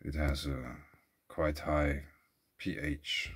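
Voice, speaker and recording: Low-voiced man musing aloud. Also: level tone, slow pace, a bit bright, breathy edge. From Switzerland. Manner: rambling, thinks aloud, reads facts then drifts into asides. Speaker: vlogger. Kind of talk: casual musing monologue. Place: outdoors at a lakeside beach.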